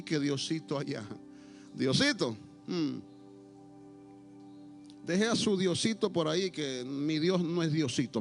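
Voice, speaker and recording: Gravelly high-voiced preaching man. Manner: swings between shouted declarations and low, quiet asides; playful, teasing with diminutives. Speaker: pastor. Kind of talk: Pentecostal sermon. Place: church service with congregation.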